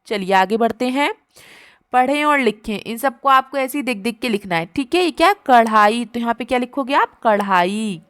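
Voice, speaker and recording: A woman teacher, taking young children patiently through a workbook lesson and repeating each word slowly. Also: fairly high pitch, lively intonation, fairly bright tone, clear, resonant tone, dry recording.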